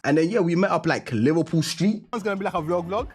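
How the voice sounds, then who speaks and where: Husky, slangy man vlogging. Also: high-pitched, quick pace, faint music behind. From Denmark. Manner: slangy, animated, laughing often. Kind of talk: casual storytelling to camera.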